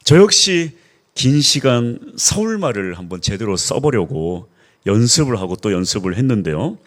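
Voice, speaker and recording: A man's voice: on the low side, very animated, moderate pace. A male pastor with a Gyeongsang accent preaching a sermon, telling stories and building in intensity. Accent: Gyeongsang Korean.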